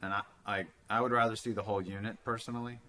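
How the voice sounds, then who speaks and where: With a fairly low pitch, fairly even intonation and a quick pace, this man's voice has a sharp tone. He's a retro gaming channel host in his thirties, rambling through a retro handheld game on a home desk mic and swearing now and then.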